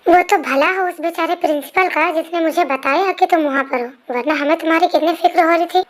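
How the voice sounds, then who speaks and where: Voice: very high voice, a little fast, fairly bright tone, a little hiss or hum. A performer voicing a strict, worried mother who scolds sharply, in an amateur fan dub voice-over. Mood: scolding.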